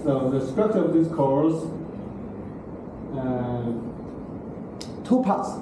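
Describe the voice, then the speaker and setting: Very slowly, with lively intonation and a medium pitch, a middle-aged man gives a university lecture in broken English and often asks "okay?" or "right?". A far room camera records the large classroom, which sounds very echoey and noisy.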